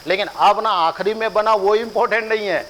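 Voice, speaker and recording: A man's voice: high-pitched, fairly even intonation, a little fast, fairly bright tone, a little hiss or hum, low-quality recording. A male coaching teacher giving an exam-prep lecture, drilling dates by repeating them and quizzing the students in a joking, familiar way.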